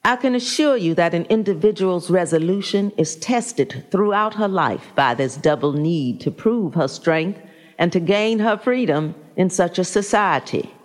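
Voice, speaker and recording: A woman's voice: on the low side, animated, measured pace, in a large hall, voice pushed up. A woman reading as a formal, precise civil rights attorney. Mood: dignified. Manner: direct and formal with a smile in the voice. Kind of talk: reading historical testimony.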